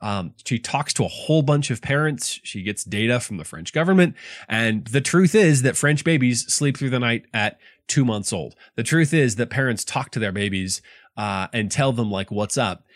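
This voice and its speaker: A man co-hosting a casual chat, explaining a book in an animated way with many fillers and restarts. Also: medium pitch, moderate pace, no room sound, clean studio sound. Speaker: podcast co-host presenting a book.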